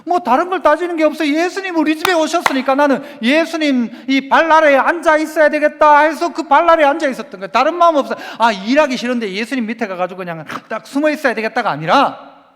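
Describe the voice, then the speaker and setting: A man's voice: extremely high pitch, fast, a bit bright, big-room sound. A man preaching a Sunday sermon as pastor, asking the congregation questions and having them repeat lines after him.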